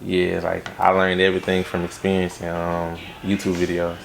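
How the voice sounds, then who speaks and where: Speaking at a normal pace, this Los Angeles music video director who grew up in Baton Rouge, Louisiana, has a deep, gravelly, monotone voice. He's young and relaxed in the interview, using plenty of fillers, with slight background noise in the recording.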